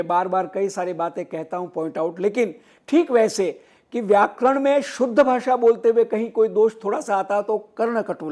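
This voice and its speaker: Middle-aged male language teacher, higher-pitched voice, patient lecture delivery that leans hard on key words. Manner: explains patiently, repeats phrases in three languages. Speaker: Sanskrit teacher. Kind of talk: educational lecture.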